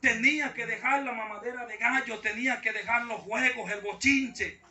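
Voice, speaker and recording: High, bright-voiced pastor preaching. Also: male voice, normal speed. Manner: preaching with repeated call-outs to the congregation. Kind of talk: sermon. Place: church. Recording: echoey church hall from far off.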